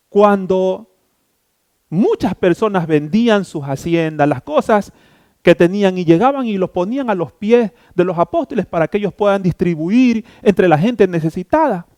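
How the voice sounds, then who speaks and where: Animated middle-aged Ecuadorian pastor preaching. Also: male voice, high voice, no room sound. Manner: animated storytelling, acting out scenes. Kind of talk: sermon.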